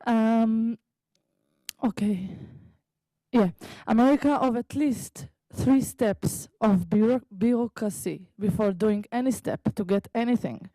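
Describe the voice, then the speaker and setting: Woman from Israel, native Hebrew speaker, halting reading of a prose poem, mellow voice, dry close sound. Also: fairly high pitch, dry recording, poor audio. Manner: slow, halting reading with asides. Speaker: visiting writer reading her piece. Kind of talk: reading a personal prose poem at an open mic. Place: library meeting room.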